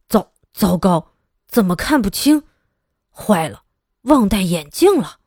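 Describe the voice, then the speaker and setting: Woman narrator voicing a storybook superhero dad: lowered, commanding, slow. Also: sing-song, a little mellow, no room sound, studio quality. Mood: flustered. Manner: commanding, declaiming. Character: heroic superhero dad, bold but clumsy.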